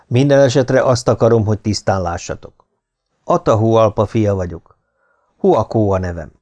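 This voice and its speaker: A man voicing a stately young Inca ruler in an audiobook, speaking in a measured, formal way. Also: lowish voice, dark tone, lightly acted. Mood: solemn. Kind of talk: audiobook character reading.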